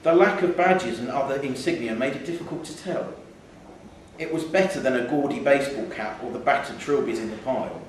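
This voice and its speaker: During a live indoor theatre event, a man with a medium-pitched voice reads a literary short story aloud, fairly quickly. Heavy echo and faint noise mark the recording, which was picked up by a distant mic.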